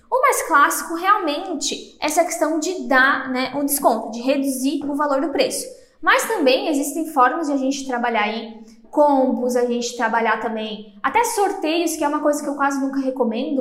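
A young woman from Brazil, hosting a solo podcast. She talks fast, stumbles over words and jokes about her own diction. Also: sits high, a bit bright. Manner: fast-talking, self-deprecating, trips over words. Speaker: podcast host. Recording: echoey room.

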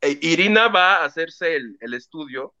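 A man hosting a casual gossip chat, retelling a plot in an animated way and acting out the quotes. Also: a little high, moderate pace, lo-fi sound. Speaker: host.

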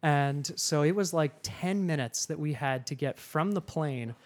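A man hosting a podcast, telling a travel story to a live audience in an animated way, getting loud when he quotes himself. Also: a little high, measured pace. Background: audience laughter.

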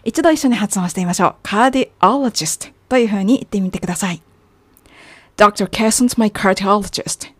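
Woman, native Japanese, English teacher, clear patient explainer, dry close mic. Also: medium pitch, normal speed, no room sound. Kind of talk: language lesson narration.

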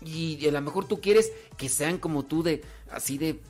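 A man's voice: fairly high pitch, moderate pace, darkish tone, faint music behind. A man with a Mexican Spanish accent giving casual relationship advice, chatty and repetitive, acting out examples. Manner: chatty, repeats words, acts out examples.

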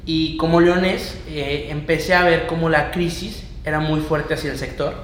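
A man's voice: fairly high pitch, fairly even intonation, normal speed, fairly bright tone, a little hiss or hum. A man in his twenties with a Mexican accent, a guest telling his story on a podcast in an eager, earnest way. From León, Mexico. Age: 20s. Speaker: podcast guest, young entrepreneur. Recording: roomy echoing room.

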